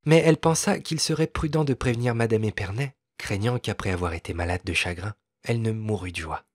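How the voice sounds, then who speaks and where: A man narrating a classic fairy tale as an audiobook, with a measured, expressive reading. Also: lowish voice, dry recording, studio quality. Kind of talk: storybook narration.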